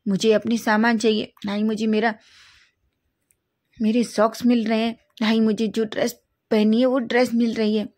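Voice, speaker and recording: Brief: spoiled young male celebrity, petulant and shouting, read by a woman in a storybook. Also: a little high, flat delivery, moderate pace, lightly acted.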